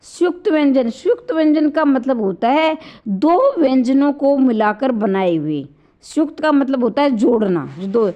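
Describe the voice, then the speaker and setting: A woman's voice: high voice, animated, unhurried, highs cut off. A woman teaching a Hindi grammar lesson online, explaining step by step and saying each sound aloud, with a slightly sore throat. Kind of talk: online exam-prep lecture.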